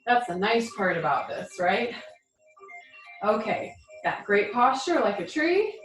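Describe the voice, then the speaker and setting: A woman's voice: on the high side, very animated, slow, a bit bright. A woman leading a tai chi class, giving spoken movement cues in an encouraging, reassuring and informal way. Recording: roomy echo, music behind.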